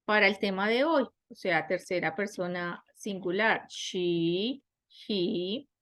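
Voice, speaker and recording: A woman's voice: medium pitch, takes it slowly, a bit bright. A woman teaching English grammar in an online class, explaining step by step and often asking her students questions.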